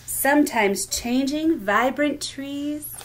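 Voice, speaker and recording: A woman leads a children's story time, reading a picture book aloud with expression in short, deliberate phrases. Her voice is high-pitched, and the recording is rough.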